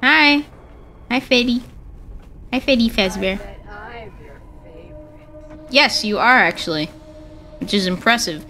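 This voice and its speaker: A young woman giving casual, excitable gaming commentary, swearing often and breaking into frequent laughter. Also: a little high, takes it slowly, pauses often. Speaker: gamer.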